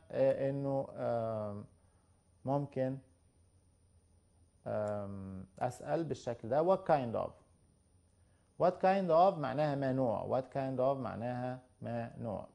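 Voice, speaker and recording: An English teacher with an Egyptian Arabic accent, gravelly and dark in tone. He stretches his English example phrases out slowly and rattles through the explanations between them. His delivery is that of a steady classroom lesson for beginners. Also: mid-range voice. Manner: slow drawn-out English examples, quick Arabic asides.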